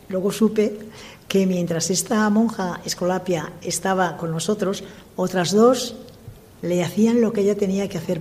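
Older nun telling her story, mellow tone. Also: on the low side. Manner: lively, animated retelling of her own past with quoted dialogue. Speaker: religious sister interviewed as a guest. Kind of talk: storytelling in a radio interview.

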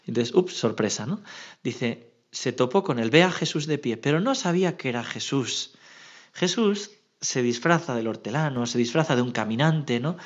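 Chatty Spanish priest telling stories. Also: male voice, mid-range voice, moderate pace, muffled recording. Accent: Spain Spanish. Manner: lively storyteller, adds "¿no?" after nearly every phrase. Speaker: parish priest. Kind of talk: homily with anecdotes.

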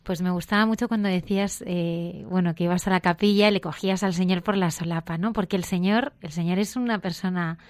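Low-voiced woman interviewer. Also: steady tone, dry recording. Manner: hesitant, halting phrasing. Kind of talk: interview questions.

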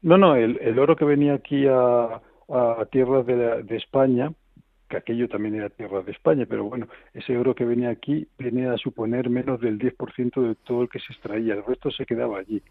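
Brief: lecturing male academic guest, gravelly voice, heard through a thin phone-like line. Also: medium pitch, steady tone, no echo. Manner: measured, lecturing, with many fillers and restarts. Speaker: history of law professor, radio guest. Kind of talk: explanatory radio interview answers.

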